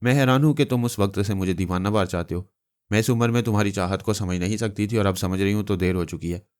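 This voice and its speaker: A man reading a gentle young woman. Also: lowish voice, fast talker, close to an everyday voice. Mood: earnest.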